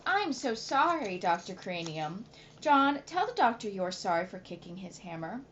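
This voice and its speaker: A woman voicing a mother gently explaining things to her son, in a slightly muffled recording with faint hiss. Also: mid-range voice, very animated, moderate pace.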